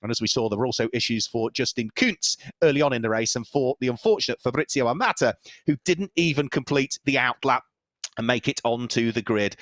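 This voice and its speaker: A man calls a motor race live in a steady, informative commentary voice. His voice sits in a middle register and is recorded close and dry, with no room sound around it. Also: medium pitch, no echo.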